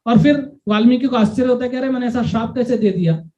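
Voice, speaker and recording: A man's voice: very high voice, fast talker, mellow. A man giving a devotional lecture who keeps asking the audience questions and mixes English phrases into his Hindi. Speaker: lecturer on scripture. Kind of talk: devotional lecture with sung verses. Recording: dull lo-fi recording.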